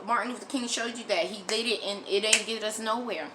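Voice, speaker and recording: A woman's voice: fairly high pitch, a little fast, background noise. An American woman delivering an impassioned, blunt opinion monologue as a video commentator, emphatic and repeating phrases for force, often swearing. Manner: frequent swearing.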